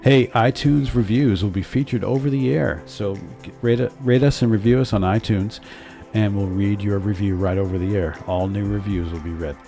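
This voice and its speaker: Male co-host, deep gravelly voice, casual home podcast, faint music under. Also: normal speed, hardly any pauses, mellow. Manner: earnest, argues his point, reads plugs upbeat. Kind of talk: casual chat with partner. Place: home room with sleeping dogs.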